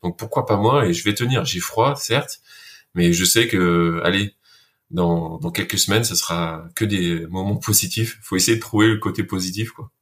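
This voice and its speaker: A lower-pitched man speaks earnestly, pausing often and restarting his sentences as he recounts harsh military training. His delivery is casual and conversational, the way a guest talks in an interview. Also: a bit bright. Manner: earnest, many fillers and restarts. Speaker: guest, former soldier.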